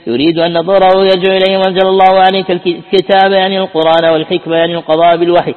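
A man reading classical Quran commentary aloud to a teacher, quick and with small restarts. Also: high voice, little pitch movement. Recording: tinny, echoey hall sound.

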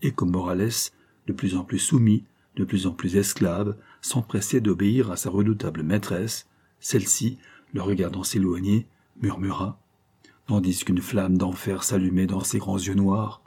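A man narrating a classic adventure novel as an audiobook, in a measured, dramatic storytelling manner. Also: deep voice, fairly even intonation, warm tone, husky. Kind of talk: scripted literary narration.

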